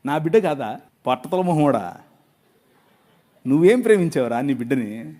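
God the father speaks here, hushed and low, scolding with tenderness, as a man acts him out in his sermon. The voice drops beneath the preacher's own. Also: very animated, moderate pace. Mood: tender, chiding.

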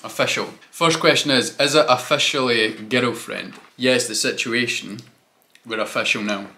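A man's voice: medium pitch, moderate pace, sharp tone. A young man, casually chatting as a vlogger, loose and slangy. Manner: chatty, loose, uses slang like mate and innit. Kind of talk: casual chat.

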